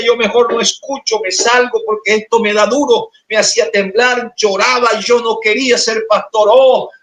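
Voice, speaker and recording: A man with a Colombian accent, preaching a sermon as pastor and telling an emotional testimony, at times soft and at times shouted. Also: high voice. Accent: Colombian Spanish. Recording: roomy, distant mic in church.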